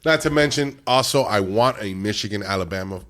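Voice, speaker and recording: A man co-hosting a sports podcast, making quick offhand remarks in casual chat. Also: lowish voice, fairly bright tone. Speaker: podcast co-host.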